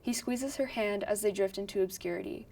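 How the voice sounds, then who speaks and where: A woman reading the stage directions of a script in a plain, even way. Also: mid-range voice, brisk, vocal fry, distant mic, slight background noise.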